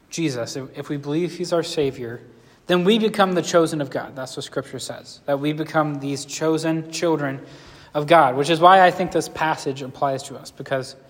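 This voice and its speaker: Male pastor, slightly high voice, mild lisp, chatty earnest preaching, reverberant hall. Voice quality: slight lisp from a sore lip. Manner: conversational, earnest, asks the congregation questions. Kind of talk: sermon.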